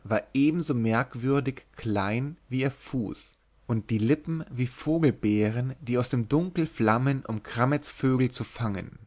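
A man reading a literary novel aloud as an audiobook narrator, measured and expressive. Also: mid-range voice.

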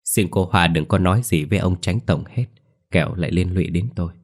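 Male reader doing a nervous young peasant; polite, hurried, firm refusal. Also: deep voice. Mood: awkward refusal.

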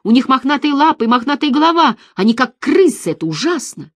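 A frail, frightened young woman pleads from somewhere far below, as a woman reader puts her on. Her voice lifts higher and swings widely between fear and weariness. The reading is dry and close. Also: sing-song, a little fast, no room sound. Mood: panicked. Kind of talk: audiobook reading.

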